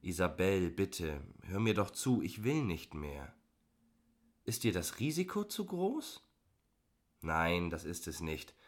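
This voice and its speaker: A man's voice: low voice, very animated, takes it slowly, exaggerated voice. A male audiobook reader voicing a young female assistant who sounds cool and worn out. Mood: weary. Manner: cool and weary. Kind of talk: audiobook dialogue.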